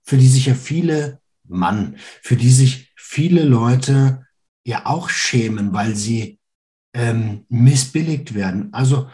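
A man in his thirties hosts a podcast, his medium-pitched voice warm. It is a casual interview, and he chats easily while asking engaged follow-up questions.

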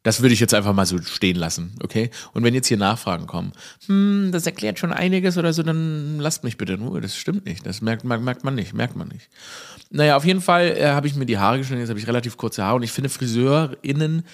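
A man's voice: mid-range voice, animated, fast. A man, a comedian rambling through a casual, jokey podcast monologue full of self-irony. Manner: rambling, self-ironic, jokey, laughs at his own stories.

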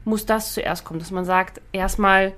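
A woman dog trainer hosting a podcast lesson in a chatty, lively way, often checking in with listeners and laughing between points. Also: mid-range voice, normal speed. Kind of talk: casual spoken podcast lesson.

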